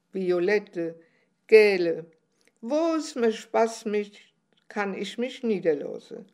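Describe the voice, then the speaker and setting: A carefree little butterfly, as a woman reading a storybook puts it on, boasting of its free life. The pitch sits in an ordinary middle range. It talks slowly and dreamily. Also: a little mellow.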